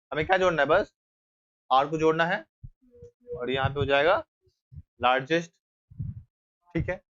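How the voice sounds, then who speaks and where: Young guy teaching grammar to a class, slightly high voice, keeps asking "right?", muffled lo-fi audio. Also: fairly bright tone. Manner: explains step by step, asks rhetorical checks. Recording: dull lo-fi recording.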